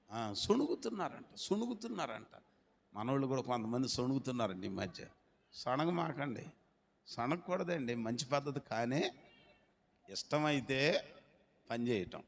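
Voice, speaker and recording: A male pastor, preaching a sermon in a conversational, teasing way full of rhetorical questions. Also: mid-range voice. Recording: long hall reverb.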